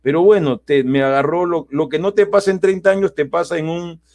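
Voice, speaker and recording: A man, telling a personal story in casual chat, animated and acting out quotes with many restarts. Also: on the high side, brisk. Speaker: guest.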